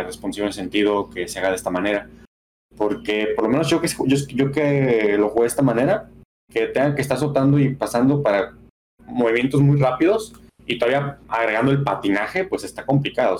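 A man's voice: medium pitch, darkish tone. Man explaining game controls, faint hiss. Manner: explanatory, restarts words mid-sentence. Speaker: podcast co-host reviewing games. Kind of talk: casual podcast review.

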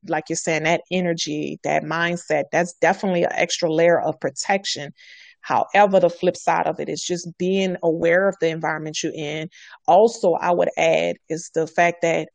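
A woman's voice: on the low side, dry recording. A woman on a podcast talking earnestly, repeating her points for emphasis. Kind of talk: casual podcast conversation.

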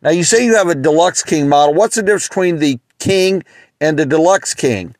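A man voicing a male interviewer who asks a mattress salesman probing questions in a lower, different-sounding voice. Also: expressive, fairly quick, darkish tone, no room sound, clean studio sound, lightly acted. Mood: curious.

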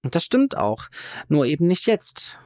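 A man's voice: a little high, huge pitch swings, a little slow, darkish tone, dry recording, studio quality. A man voicing a stern, commanding father who gives his son orders in a curt tone. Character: stern gun-owning father, middle-aged man.

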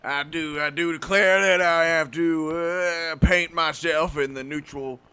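A man's voice: fairly high pitch, steady tone, measured pace, pushed and bright, clear, resonant tone. A man playing a half-deaf, pompous old judge in an improvised comedy scene, rambling and declaring in a folksy drawl.

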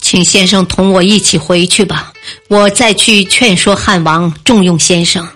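A woman's voice: lowish voice, fairly even intonation, unhurried, fairly bright tone, faint music behind. A woman voicing an earnest ancient chancellor. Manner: earnest and insistent. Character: earnest, persuasive male chancellor of an ancient court.

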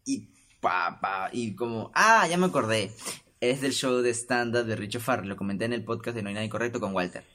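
A man's voice: lowish voice, a little fast, a bit bright. A young man with a Peruvian accent hosting a casual solo podcast, rambling with stammering restarts and acting out the voices in his stories. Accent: Peruvian Spanish. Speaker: podcast host.

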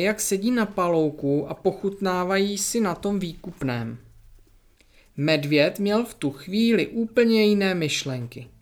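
A storyteller narrating a children's story in a lively, expressive way. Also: medium pitch.

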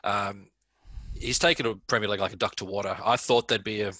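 Male co-host, low bright voice, dry close mic, enthusiastic sports talk. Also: steady tone, fairly quick, no room sound. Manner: upbeat, enthusiastic, says "mate". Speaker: podcast co-host. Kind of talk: casual football podcast chat.

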